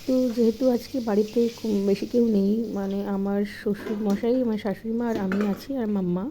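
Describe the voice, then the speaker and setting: A young woman with a hoarse voice from a cold, vlogging casually at home and talking softly, at times sing-song to her baby. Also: medium pitch, steady tone, brisk, a little hiss or hum.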